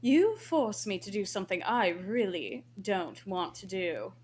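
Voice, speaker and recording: Woman doing a bossy scheming fairy godmother, sharp and scolding, bounces high and low, little hiss behind. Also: sing-song, a little slow. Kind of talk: live table read.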